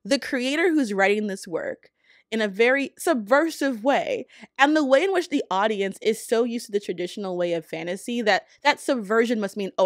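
A woman in her thirties, working as a video essayist, gives informal, emphatic and opinionated commentary from a small room at home. Her voice is on the high side, captured cleanly with no room sound by a close desk microphone on an arm, with background music playing.

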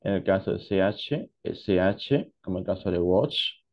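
Male English teacher from Peru, unhurried classroom explainer, dull low-fidelity recording. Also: animated. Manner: slow, deliberate explanations mixing Spanish and English. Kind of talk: online class lesson.

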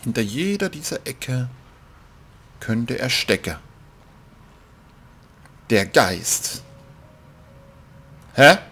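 Gravelly German gamer joking through play. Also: male voice, mid-range voice, big pitch swings, drawn-out words, pauses often, a little hiss or hum. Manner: joking, mocks the game characters; drops to a hush while sneaking. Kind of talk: casual gameplay commentary.

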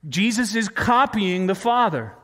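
High-voiced pastor preaching in a reverberant church. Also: male voice, very animated, a little slow, a bit bright. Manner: conversational, asks the congregation questions. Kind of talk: sermon.

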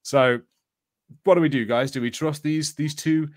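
A man hosting a live stream, switching between casual chat and expressive storybook read-aloud narration. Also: a little high, moderate pace. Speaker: host of a live gamebook stream.

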